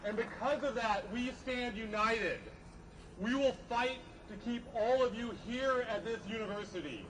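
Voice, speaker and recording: Middle-aged man's podium speech, distant and high-pitched. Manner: earnest, measured, emphatic. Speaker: professor speaking at a rally. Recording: distant mic, noisy outdoor rally.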